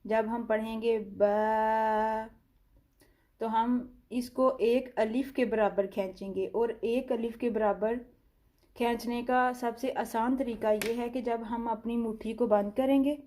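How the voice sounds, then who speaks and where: A woman with a Pakistani Urdu accent gives a slow, step-by-step recitation lesson. Her voice sits fairly high but stays even and level, with a dark, mellow tone. She draws out each letter sound before explaining it calmly. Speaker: Quran recitation teacher.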